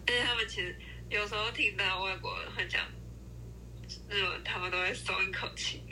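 A woman's voice: mid-range voice, steady tone, a little fast, bright, forceful tone, low-quality recording. A young woman talking casually as a podcast co-host, sharing personal anecdotes in an informal conversational way. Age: young adult. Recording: faint background noise.

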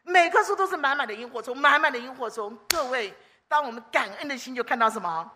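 A woman preacher, giving a sermon with animated storytelling and exclamations. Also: sits high, fast talker, background noise.

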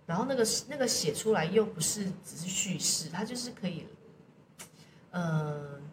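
Taiwanese-accented woman chatting, low-voiced and echoey. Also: expressive, normal speed. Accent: Taiwanese Mandarin. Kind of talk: casual podcast chat. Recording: roomy echo, distant mic, noisy background.

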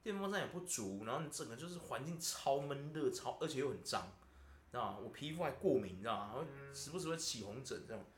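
This Taiwanese Mandarin-accented podcast host talks quickly and animatedly in a mid-range voice, venting in casual chat and asking "you know?" again and again. There's a little hiss or hum, and the recording has a roomy echo.

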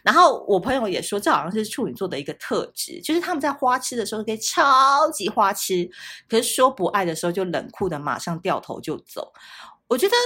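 Woman, 30s, podcast host, breathy tone, playful chat. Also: medium pitch, fairly bright tone. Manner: chatty, playful, laughs often. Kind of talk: casual solo podcast talk.

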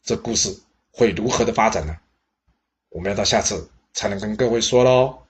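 A man tells history stories in a low, chatty voice. He talks straight to the listener, adding casual asides. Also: fairly quick, highs cut off. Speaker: storyteller. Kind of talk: history storytelling podcast.

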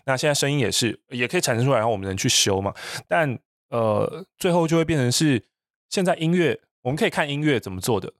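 Man, podcast guest. Hesitant, reflective delivery, mid pitch, dry room. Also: animated, quick pace, no room sound. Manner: thoughtful, hesitant, laughs often. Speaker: podcast guest, voice business founder. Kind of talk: casual chat.

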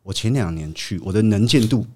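A man's voice: lowish voice, brisk, a little hiss or hum. A man, a podcast guest telling a story in casual chat and acting out the quotes. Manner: animated storyteller, acts out quotes.

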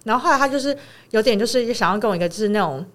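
Fast-talking woman telling a story. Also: fairly high pitch. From Taiwan. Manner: animated retelling, acts out quoted dialogue. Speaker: podcast co-host. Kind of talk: casual chat, storytelling.

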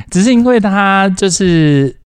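A young man co-hosting a casual podcast, telling animated stories, laughing often and acting out the voices of people he quotes. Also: high voice, slow pace, clear, resonant tone, no room sound, clean studio sound. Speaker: podcast co-host. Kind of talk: casual chat.

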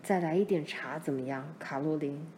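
A woman voicing a steady middle-aged pioneer father, speaking low and measured as he recounts events. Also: a little hiss or hum, natural voice. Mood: recounting.

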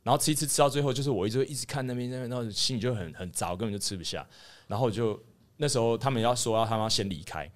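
A man's voice: medium pitch, racing. A young man with a Taiwanese Mandarin accent, a podcast co-host telling a long story in casual chat, rambling and sheepish, with many restarts.

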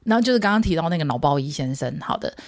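A woman's voice: low-pitched, animated, racing, dry recording, studio quality. A woman in her thirties with a Taiwanese Mandarin accent, hosting a podcast in a playful, teasing storytelling manner. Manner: playful, teasing, laughs at her own jokes. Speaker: podcast host. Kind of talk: casual storytelling monologue.

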